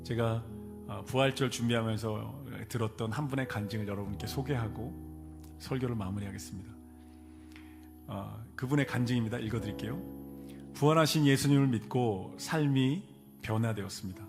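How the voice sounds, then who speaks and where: A man's voice: medium pitch, moderate pace, gravelly, over music. A male pastor preaching a Sunday sermon, building to emphatic, rising peaks. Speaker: senior pastor. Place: church sanctuary.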